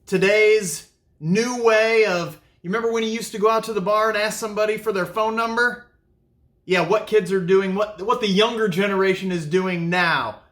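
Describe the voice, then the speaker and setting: Bright-voiced upbeat male vlog host. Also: sits high, normal speed. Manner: upbeat, chatty, talks to viewers while snacking. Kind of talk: casual vlog chat. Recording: echoey room.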